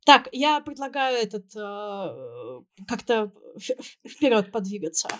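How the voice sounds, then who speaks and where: A woman's voice: medium pitch, animated, slow pace. A woman of thirty co-hosting a podcast in casual, foul-mouthed chat, with a burred, non-standard r and a habit of butting in. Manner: playful, foul-mouthed, interrupting. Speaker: podcast co-host. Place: remote video call.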